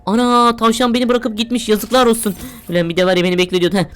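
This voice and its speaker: A woman commenting casually as she plays a horror game, chatty and quick to exclaim and swear playfully. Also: fairly high pitch, fairly even intonation, soft background music. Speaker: gamer. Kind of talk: let's play commentary.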